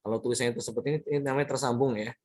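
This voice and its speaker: A man's voice: mid-range voice, steady tone, rapid-fire, darkish tone. A man teaching Quran recitation rules in a lesson. He talks patiently, repeating words and examples and checking in with his listeners often. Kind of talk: tajwid lesson explaining examples.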